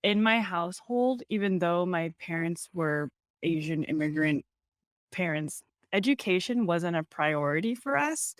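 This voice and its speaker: A young woman with a low-set voice talks as a guest in a casual interview. She is relaxed and laughs easily between loose, filler-heavy sentences. The recording is close and dry, with no room sound. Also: a little slow, no room sound.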